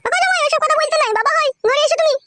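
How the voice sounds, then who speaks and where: A woman's voice: extremely high pitch, very fast, bright, forceful tone, pitched above the performer's own voice. A woman voicing a brash, twice-married village mother-in-law in a comic cartoon, scolding in a foul-mouthed way. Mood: coaxing. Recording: noisy homemade recording.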